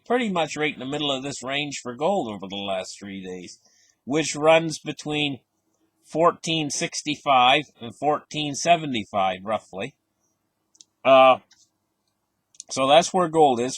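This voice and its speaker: A man's voice: mid-range voice, fairly bright tone, dry recording. A man giving casual market commentary, reading out headlines and stressing words with a skeptical, offhand manner. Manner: casual grammar, frequent fillers.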